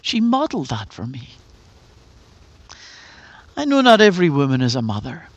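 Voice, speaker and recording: A man's voice: mid-range voice, huge pitch swings, moderate pace, no echo, highs cut off. A middle-aged man preaching a sermon as pastor, earnest and full of rhetorical questions. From Northern Ireland.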